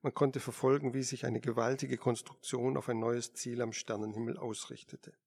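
A man giving steady scripted narration of a science fiction audiobook. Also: mid-range voice, normal speed, vocal fry. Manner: steady storytelling.

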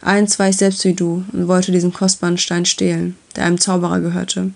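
Woman doing a chill magic lizard, soft and patient, flat low voice. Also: brisk, creaky. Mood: calm. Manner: soft, gentle and matter-of-fact. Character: calm, patient enchanted lizard.

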